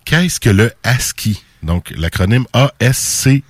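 Animated Québécois man hosting a quiz. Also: mid-range voice, takes it slowly, no room sound, clean studio sound. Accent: Québécois French. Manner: playful, animated quizmaster. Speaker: quiz host on a radio show. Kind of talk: casual radio quiz banter.

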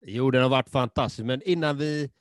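A man's voice: medium pitch, no room sound, clean studio sound. A man co-hosting a podcast over a video call, enthusiastic and eager as he tells a story. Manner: warm, enthusiastic, retells stories with quoted voices. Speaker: podcast co-host.

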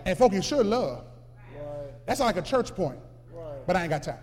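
A man's voice: high voice, big pitch swings, moderate pace, in a large hall. A man preaching a sermon in a rhythmic, plain-spoken way, repeating phrases. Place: church.

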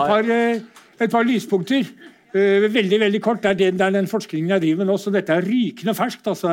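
In a high voice with a darkish tone, a middle-aged Norwegian man presents slides in a loose, conversational lecturing style. Rhetorical questions come up often as he goes.

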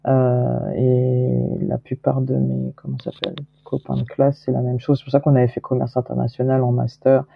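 A woman's voice: a bass voice, completely flat delivery, normal speed, creaky, hardly any pauses, soft background music. A woman in her forties from Guadeloupe, a podcast guest talking in a hesitant way, with many fillers and restarts. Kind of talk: casual interview chat. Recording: dull lo-fi dry sound.

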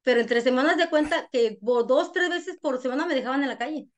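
A Mexican woman with a Mexican accent, a guest telling her life story in an interview, animated and frank, acting out what others said. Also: sits high, brisk. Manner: animated storyteller who acts out other people's lines; frank, uses crude slang.

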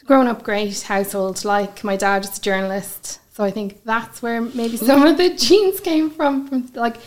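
A woman's voice: fairly high pitch, normal speed, darkish tone. Chatty west of Ireland woman. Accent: west of Ireland (Galway). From Galway, west of Ireland. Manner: chatty, informal, uses like and you know. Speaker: podcast guest, blogger. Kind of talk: casual conversational interview.

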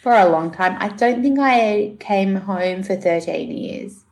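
A middle-aged New Zealand woman, a TV producer and director, chats as a podcast guest in a casual interview. Her voice is medium-pitched and slightly dark, her pace measured, and she laughs a lot, with plenty of fillers and false starts.

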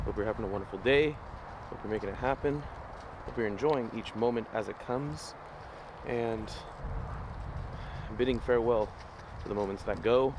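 This vlogger's medium-pitched voice is creaky and going hoarse as he walks a city street talking to camera. He's casual and upbeat, rambling through a motivational chat, and the street recording is noisy.

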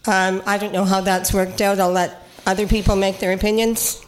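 A woman's voice: medium pitch, level tone, normal speed, low-quality recording. An older woman from Cape Breton with a Canadian accent, speaking as a regional councillor in a conversational political interview, assertive and plain-spoken.

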